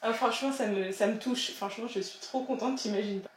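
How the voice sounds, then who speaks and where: Woman vlogger, casual chat to camera, self-mocking, quick laughs, fairly high voice, echoey room, music behind. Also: slight background noise.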